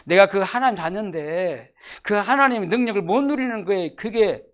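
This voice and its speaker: A pastor preaching a sermon, emphatic and repetitive, asking the congregation rhetorical questions and dropping from loud declarations to hushed asides. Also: mid-range voice, expressive, moderate pace. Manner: emphatic, repeats key phrases, asks the congregation rhetorical questions. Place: church sanctuary.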